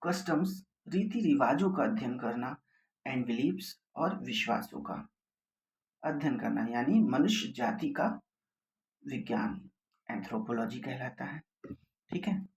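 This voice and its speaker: A man teaching an exam vocabulary lesson, explaining in Hindi and reading English definitions slowly and deliberately. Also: mid-range voice. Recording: roomy echo, faint background noise.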